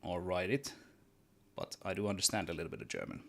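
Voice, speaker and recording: A solo game developer with a Swedish accent chats casually on a livestream, thinking aloud as he works and often repeating words. His deep voice is gravelly, fairly bright, sing-song and brisk.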